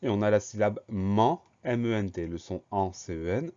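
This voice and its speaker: A man teaches a spelling dictation lesson, going through each word slowly and spelling it out letter by letter. His voice is lowish and mellow, and he stays calm and patient throughout. The recording is muffled and lo-fi. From France.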